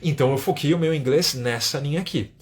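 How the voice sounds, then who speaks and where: Speaking quickly in a fairly high voice, a São Paulo-accented man from Brazil runs a casual English lesson over live stream. His chatty style keeps adding tag questions to his sentences as small checks for agreement.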